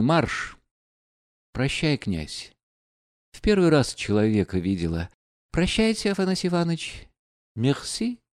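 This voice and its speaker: A man reading an audiobook voices a proud, reckless young woman who gives commands in a high, mocking tone. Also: darkish tone, dry recording, studio quality. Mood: bitter farewell.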